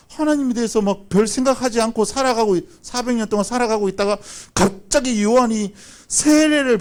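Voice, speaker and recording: Animated male children's pastor. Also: high-pitched. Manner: animated, acts out Bible characters for children. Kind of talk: children's sermon storytelling. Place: church.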